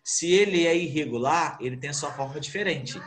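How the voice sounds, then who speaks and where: A man's voice: on the high side, brisk, a bit bright. A man, an English teacher, explaining grammar in an online class, asking questions and answering them himself. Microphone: computer mic on video call. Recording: roomy video call audio.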